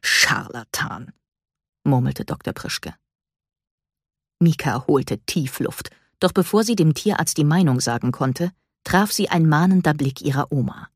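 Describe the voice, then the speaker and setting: A woman narrating a children's story with an even, clear reading voice. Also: sits low, normal speed, no room sound, studio quality. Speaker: audiobook narrator.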